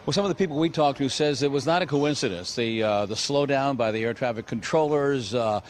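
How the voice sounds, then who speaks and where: This older man with an American accent reports for television using a handheld microphone, mixing live news and scripted narration at an airport terminal and curbside. His medium-pitched voice moves a little fast, with slight background noise.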